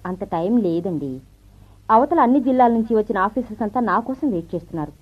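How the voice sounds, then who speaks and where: An actress playing a confident career wife and officer in an old radio show, brisk and teasing, with the thin sound of a vintage radio broadcast. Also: female voice, mid-range voice, lively intonation, muffled recording. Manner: brisk, self-assured, teasing speech with light laughs. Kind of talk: 1970s radio drama acting.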